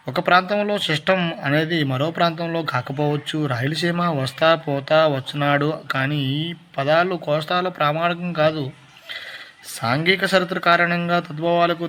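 This exam prep teacher's voice sits a little high and sounds fairly bright, with a faint hum in the recording. He's reading Telugu dialect study notes aloud for an exam, going through word forms individually and correcting himself along the way.

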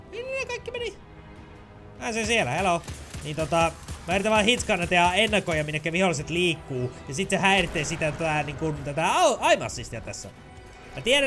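Male gamer, upbeat let's play talker, animated higher voice, playful sound effects. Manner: excitable, makes sound effects, chatty.

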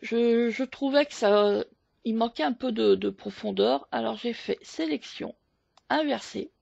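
Slow, gravelly-voiced woman explaining software. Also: fairly high pitch, no echo, dull audio. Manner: slow, hesitant step-by-step explaining with many fillers. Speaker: photo editing tutorial host. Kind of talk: screen-recorded software tutorial.

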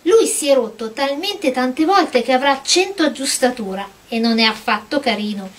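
A dainty porcelain princess from a storybook speaks in a high, thin voice that rises sharply, as a woman reading the tale puts her on. She sounds prim and easily frightened, and her words come out breathless and pleading. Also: animated, normal speed. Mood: prim, wistful. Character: frightened young porcelain princess, delicate, proud.

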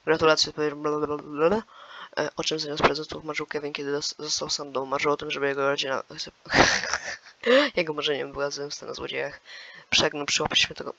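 A fairly high, gravelly male voice with a sharp, bright edge. He reads quiz questions aloud in a casual commentary, then muses over his answers. The sound comes through a dull, lo-fi mic. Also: fairly even intonation, fairly quick. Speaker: gaming channel host.

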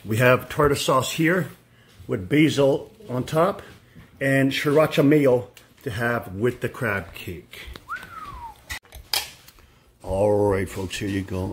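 Whooping excited man, noisy outdoors. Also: medium pitch. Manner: exuberant, keeps whooping and exclaiming. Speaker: vlog host narrating cooking. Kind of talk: excited outdoor cooking commentary. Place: outdoors by a frying pot.

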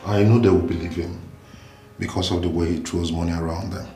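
An actor playing an imprisoned prince, earnest and pleading. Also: male voice, low voice, fairly even intonation, fairly quick, dark tone. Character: jailed young prince, anxious to save his father. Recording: echoey cell with music.

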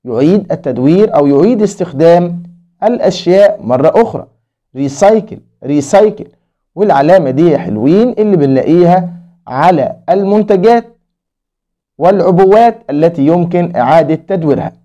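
A man's voice: a little high, expressive, a little fast, dark tone, lo-fi sound. A man with an Egyptian Arabic accent teaching English to young children, repeating each word and spelling it out letter by letter. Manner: drills words by repeating them and spelling them out letter by letter.

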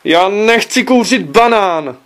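A male reader plays a bewildered teenage son in a comic story. He answers innocently and in puzzlement, then turns shrill with exasperation. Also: natural voice. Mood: puzzled.

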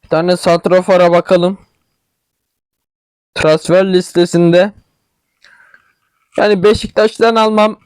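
A young man speaks with a regional Turkish dialect in a fairly high voice, recorded close and dry with no room sound. He chats loosely over a football management game, thinking aloud, tripping over words and clearing a tickly throat. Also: level tone, slow, long pauses, no echo. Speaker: gaming channel host. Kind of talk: casual game commentary.

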